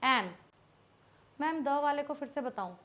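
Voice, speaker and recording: This woman's pitch sits high, and she sounds animated and slightly bright as she runs an English grammar lesson online, live, in Hindi mixed with English. She's patient, going over words slowly so learners retain them.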